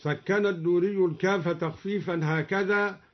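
A man teaching recitation, who explains each reading plainly and then chants the verse slowly and melodically. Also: high-pitched, fairly even intonation. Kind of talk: explaining recitation variants with slow chanted examples. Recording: dull lo-fi recording.

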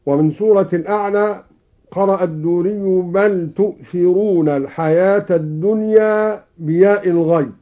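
A man with a high, unhurried voice teaches scripture readings. He moves between plain explanation and slow, drawn-out melodic chanting. The recording is dull and lo-fi. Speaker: Quran recitation teacher.

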